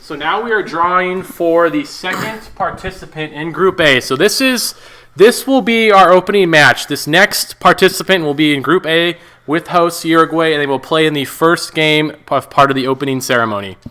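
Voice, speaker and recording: A young man co-hosting a playful mock sports draw show, hamming up each reveal like an excitable announcer. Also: a little high, normal speed. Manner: excitable announcer, hams up the draws.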